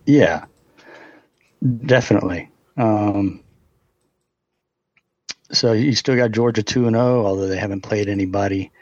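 A man co-hosting a casual sports podcast over a muffled remote call, talking in a measured way, running through facts with fillers. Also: fairly low pitch, darkish tone, dry recording. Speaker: podcast co-host.

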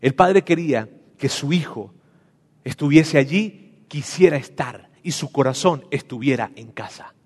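A man's voice: medium pitch, expressive, unhurried, slightly rough. A preacher who tells a story dramatically and speaks directly to his listeners. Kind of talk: sermon. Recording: long reverb of a large hall.

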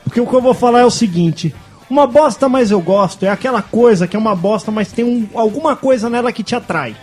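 A man's voice: very high-pitched, fast talker, darkish tone, faint music behind. A man co-hosting a podcast, joking crudely and talking straight to the listener in casual banter. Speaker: podcast co-host.

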